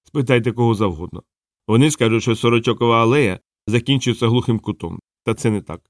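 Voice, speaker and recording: A man reading a novel aloud in a lively, conversational storytelling manner. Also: mid-range voice, quick pace, no room sound, clean studio sound. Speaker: audiobook narrator. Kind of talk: storytelling narration.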